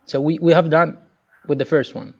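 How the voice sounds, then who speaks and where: A man moderating a webinar, breaking in with short, stammering remarks. His voice is slightly high for a man and comes through a dull, muffled call line. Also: fairly even intonation, normal speed.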